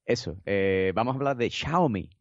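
Chatty podcast host, low voice. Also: male voice, animated, normal speed, no room sound. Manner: enthusiastic, chatty, playful. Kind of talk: casual podcast chat. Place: home, over a Skype call. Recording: dry, slightly dull call audio.

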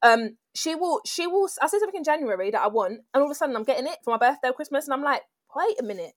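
A young woman chatting casually as a co-host, telling animated stories at speed. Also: high voice, no echo. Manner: fast, animated storyteller. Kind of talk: casual chat.

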